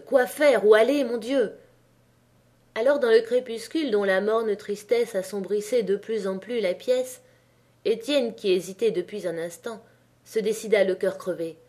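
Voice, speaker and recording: Woman audiobook reader, measured and expressive, mid-pitched. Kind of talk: audiobook narration of a classic novel.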